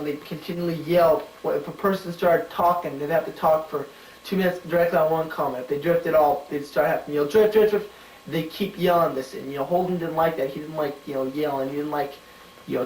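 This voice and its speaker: A man giving casual spoken answers to study questions, halting and full of "you know" and "um", thinking aloud as he searches a book. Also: fairly high pitch, slight background noise. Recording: roomy home recording from a distant mic.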